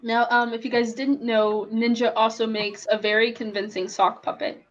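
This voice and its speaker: A woman's voice: fairly high pitch, little pitch movement, normal speed, highs cut off. A woman hosting a casual drawing stream, introducing her guests in a playful, teasing way with frequent laughs. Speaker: stream host.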